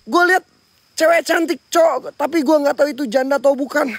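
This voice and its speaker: A man with a very high voice hosts a night ghost-hunting vlog outside. He sounds jumpy and frightened and keeps talking to his viewers. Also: a little fast, creaky, no room sound. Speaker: paranormal explorer and host. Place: outdoors at night near a sacred tree.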